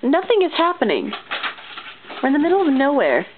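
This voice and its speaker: A woman's voice: sits high, huge pitch swings, fairly quick. A woman hosting a casual vlog with a friend in a bedroom, teasing her and laughing often. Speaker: vlog host. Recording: lo-fi noisy webcam audio, tinny.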